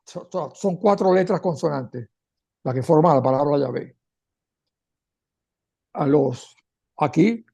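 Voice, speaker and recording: A man's voice: a little high, gravelly, warm tone. A man teaching a Bible class, reading scripture passages aloud and explaining them step by step. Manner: explanatory, reads scripture aloud then comments, occasional restarts. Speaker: catechist.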